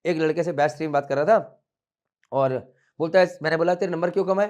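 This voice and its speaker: A merchant navy coaching instructor in his thirties teaches in a classroom, with students standing behind him. His voice is a little high, and he shifts between fast and slow, loud and soft speech. He mixes Hindi and English freely and scolds playfully.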